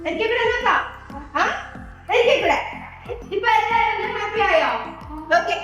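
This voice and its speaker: A woman's voice: extremely high pitch, expressive, moderate pace, a bit bright. A woman teaching abacus to a group of children in a classroom, coaxing them with sing-song questions. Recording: very echoey room with faint music.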